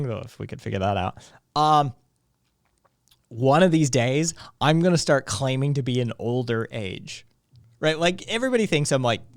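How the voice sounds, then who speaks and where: Faint music runs beneath a streamer in his late thirties as he chats casually, laid-back and profane, meandering and using lots of ums. His voice is medium in pitch and middle-range, in a dry recording.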